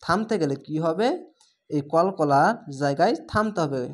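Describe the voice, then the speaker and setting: A male reading teacher works through a lesson syllable by syllable. He draws each vowel out and breaks each word into parts. He repeats his instructions patiently, in a plain, unhurried teaching voice. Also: fairly high pitch, lively intonation. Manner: spells out syllables one by one, stretching the vowels.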